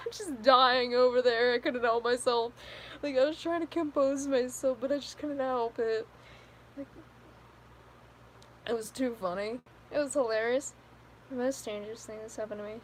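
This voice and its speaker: A woman's voice: on the high side, fairly even intonation, moderate pace, pauses often, a little hiss or hum. Giggly fifteen-year-old girl rambling. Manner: giggly, rambling storyteller with many "like"s. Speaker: live streamer. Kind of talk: casual live stream chat with viewers.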